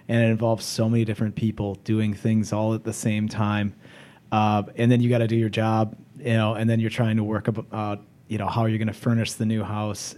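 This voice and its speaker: A man speaks casually as a podcast host. His voice is fairly low and mellow, and his intonation stays very level. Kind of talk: casual conversational podcast talk.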